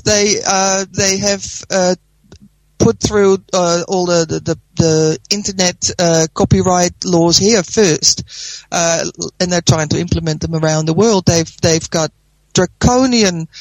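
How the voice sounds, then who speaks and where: A woman discussing politics earnestly as a commentator, in a halting way. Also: lowish voice, no echo, poor audio.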